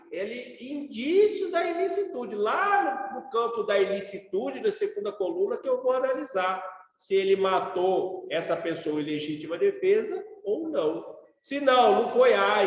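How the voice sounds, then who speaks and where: A man with a Brazilian accent teaching a law class in a loose, chatty way, often checking in with the students through quick rhetorical questions. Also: high-pitched. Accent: Brazilian Portuguese. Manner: colloquial, rhetorical questions and tags like "sacou?". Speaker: law professor. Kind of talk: informal classroom lecture. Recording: very echoey hall, long reverb.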